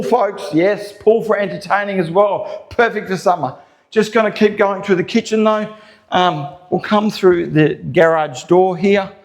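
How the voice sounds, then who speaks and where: An Australian man with a slightly high voice presents a property as a real estate agent. He talks informally and in a salesy, folksy way to viewers. His voice echoes through empty rooms as he walks around. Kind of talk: informal property walkthrough commentary. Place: empty house interior, walking between rooms.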